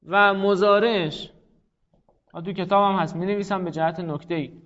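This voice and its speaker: A male teacher giving a classroom grammar lesson, explaining step by step, repeating forms slowly and quizzing students by name. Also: high-pitched, fairly even intonation, fairly bright tone, muffled recording.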